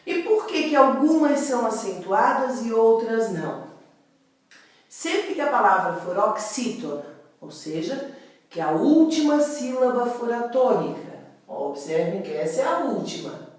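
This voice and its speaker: A woman's voice: on the high side, very animated, unhurried. A woman teacher with a Brazilian Portuguese accent, explaining a grammar lesson patiently and often checking in with her class. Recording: very echoey room, voice from a distance.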